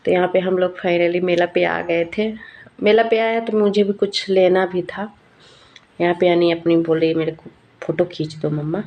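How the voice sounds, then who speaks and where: Chatty woman vlogger, low flat voice. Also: moderate pace, dull audio. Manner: chatty, storytelling, laughs often. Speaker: vlogger and mother. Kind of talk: casual vlog narration.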